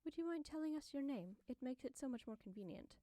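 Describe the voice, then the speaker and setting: A woman narrator voicing a poised, coolly mocking young wife with a bright, lilting voice. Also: high voice, animated, quick pace, dry recording, voice pushed up. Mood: mocking gaiety.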